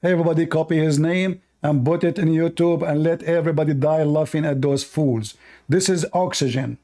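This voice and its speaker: Mocking higher-pitched male debate host. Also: fairly even intonation, fairly quick, warm tone. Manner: mocking, combative, laughs at opponents. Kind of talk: live debate commentary.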